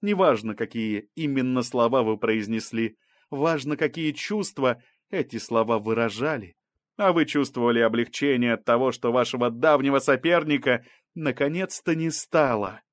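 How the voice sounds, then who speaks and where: A man reading an audiobook, voicing a mocking, aggressive female prosecutor who presses and rises to shouts. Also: mid-range voice, normal speed, no echo, studio quality, close to an everyday voice. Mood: accusing.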